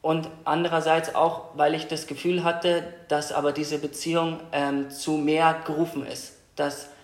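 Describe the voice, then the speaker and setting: A young man from Austria, a guest in an interview, tells his personal story in a hesitant, reflective way with many pauses and restarts. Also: on the high side, little pitch movement. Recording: echoey room.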